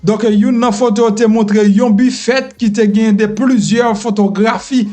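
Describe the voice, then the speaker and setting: A man's voice: sits high, fairly even intonation, unhurried, mellow. A man with a Haitian accent presenting news commentary, addressing viewers directly with frequent fillers and restarts.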